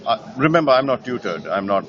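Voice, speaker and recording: A middle-aged painter from Nepal, answering interview questions in a thoughtful way, with many fillers and restarts. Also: male voice, mid-range voice, very animated, brisk, lo-fi sound, crowd noise. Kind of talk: conversational interview.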